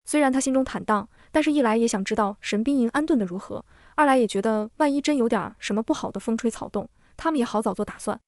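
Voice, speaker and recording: Brisk woman narrating an audio comic. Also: on the high side, darkish tone, dry recording, studio quality. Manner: brisk storytelling.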